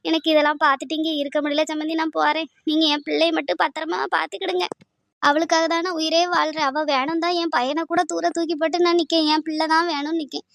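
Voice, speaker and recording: A woman's voice: high voice, level tone, fast talker, creaky, fairly bright tone, dry recording, clean studio sound. A woman voicing a worried village grandmother, pleading with her in-laws in a cartoon. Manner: pleading, anxious, repetitive. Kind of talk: cartoon voice acting.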